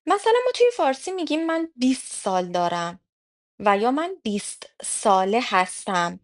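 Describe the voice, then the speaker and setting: Patient woman language teacher, mid-range voice, spells out each example slowly. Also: mid-range voice. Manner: slow, careful repetition of example phrases. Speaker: French teacher. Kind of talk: explanatory language lesson.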